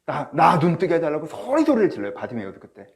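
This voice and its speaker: A man preaching a sermon as pastor of a church, animated, swinging from soft asides to loud cries. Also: fairly high pitch, fast, creaky. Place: church or small studio, online service.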